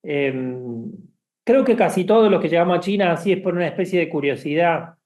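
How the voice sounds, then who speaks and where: Man, middle-aged, interview guest, halting with fillers, slightly raised pitch. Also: animated, a little mellow. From Argentina. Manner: hesitant, many fillers and restarts. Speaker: guest, bookshop founder. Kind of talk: casual interview chat.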